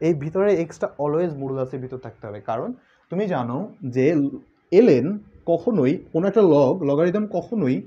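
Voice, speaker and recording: A man's voice: fairly high pitch, expressive, moderate pace, mellow. Young man teaching calculus, lo-fi. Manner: chatty, mixes English words, jokes with students. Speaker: math tutor. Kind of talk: online calculus class. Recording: dull lo-fi sound.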